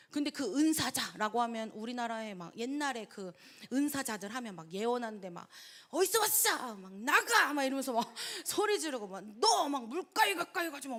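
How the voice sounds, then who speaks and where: Lively Korean woman teaching Bible study. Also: on the high side. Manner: animated storytelling, acts out quoted voices; chatty, laughs between points. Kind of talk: church Bible study lecture. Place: church hall.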